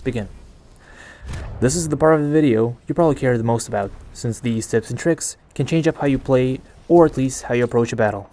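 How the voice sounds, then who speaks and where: A man narrating a game guide in a hushed, partly whispered voice, as if recording late at night. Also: mid-range voice, a little fast. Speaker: gaming video host.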